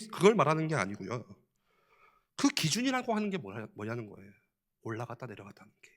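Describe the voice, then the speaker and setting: A man's voice: high-pitched, fairly bright tone. A male pastor preaching a sermon in a church, in a conversational style, asking the listeners many questions and chuckling often.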